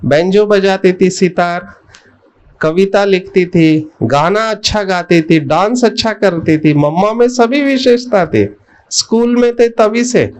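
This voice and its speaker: A middle-aged man giving a spiritual talk, telling a personal story and putting questions to his listeners. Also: sits high. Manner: slow, storytelling, addresses the audience with questions. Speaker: spiritual speaker.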